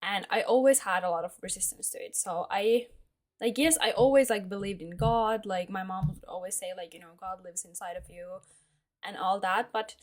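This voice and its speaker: A woman's voice: mid-range voice, moderate pace. A young woman from Finland, talking casually to camera as a vlogger, hesitant and full of fillers as she searches for words. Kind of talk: casual personal monologue.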